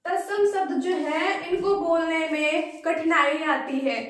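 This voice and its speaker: A woman's voice: very high voice, fairly even intonation, slow, fairly bright tone. A woman teaching a grammar lesson for exam preparation, repeating and drilling each word pair patiently. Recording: very echoey room, voice from a distance.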